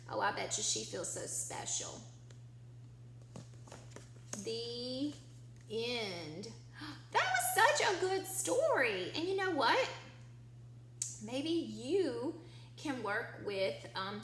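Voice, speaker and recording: A woman with a fairly high voice reads a picture book aloud to children the way a teacher would, expressive and encouraging, stretching out key words and asking her listeners questions. The room is echoey, with faint background noise.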